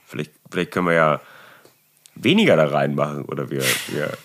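A man telling a work story in casual chat, animated and exasperated, with many restarts and tag questions. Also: extremely low pitch, brisk.

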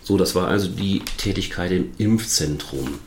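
A man hosting a tax advice podcast, explaining in a measured way with many fillers and restarts. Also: sits low, echoey room, a little hiss or hum. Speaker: tax advisor podcast host. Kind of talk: informational podcast monologue.

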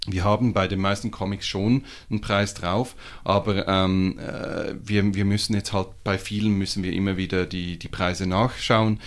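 A man with a Swiss German accent, a comic shop owner talking casually as a podcast guest, animated and full of fillers and restarts. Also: deep voice, moderate pace, hardly any pauses. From Switzerland.

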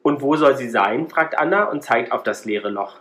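A man's voice: mid-range voice, lively intonation, moderate pace, fairly bright tone. A man in a casual podcast reading a short spooky story aloud, raising his voice for the children's lines. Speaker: podcast host.

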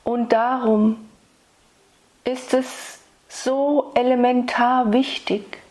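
Very slow, soothing woman guiding meditation. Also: on the high side, darkish tone. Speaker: spiritual meditation guide delivering channeled messages. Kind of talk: guided meditation and spiritual address.

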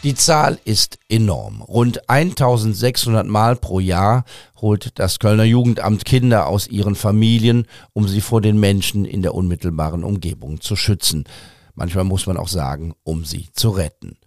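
Man, low voice, dry close sound, news podcast host, scripted delivery. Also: lively intonation, normal speed, darkish tone, no room sound.

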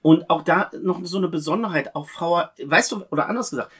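A man's voice: fairly high pitch, a little fast, a bit bright, husky. Earnest man sharing film trivia. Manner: earnest, detail-loving, explains trivia. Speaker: podcast co-host. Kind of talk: casual chat about films.

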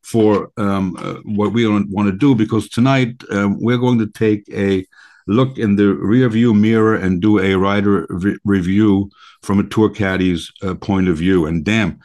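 A man with a fairly low voice hosts a conversational radio talk show. His phrasing is halting and deliberate, with hesitant pauses as he works toward each point. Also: steady tone, a little mellow.

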